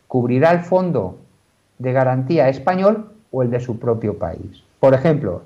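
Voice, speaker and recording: A man talks his office, explaining a legal question patiently with frequent fillers and restarts. His voice is mellow and dark. The sound comes through a dull, lo-fi video call. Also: medium pitch. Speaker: lawyer.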